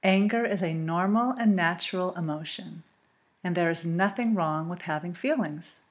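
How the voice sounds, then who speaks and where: A woman reading a calm, scripted guided relaxation, speaking slowly and soothingly with long pauses. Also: fairly low pitch.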